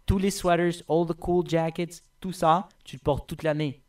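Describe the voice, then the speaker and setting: A man co-hosting a podcast in casual chat, animated, slipping English slang into his French and laughing often. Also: fairly high pitch, normal speed. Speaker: podcast co-host. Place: studio.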